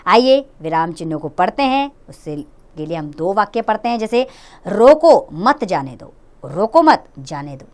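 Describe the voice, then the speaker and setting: Lively-voiced woman teaching children. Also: mid-range voice, clear, resonant tone. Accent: Hindi. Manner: friendly, explanatory, addresses children directly. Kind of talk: children's grammar lesson.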